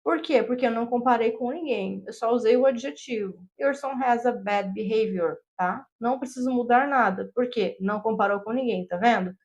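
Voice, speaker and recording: A woman with a fairly high voice gives an English grammar lesson at a board. She explains each rule step by step and keeps checking that her students follow. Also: normal speed, few pauses, darkish tone, muffled recording. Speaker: English teacher.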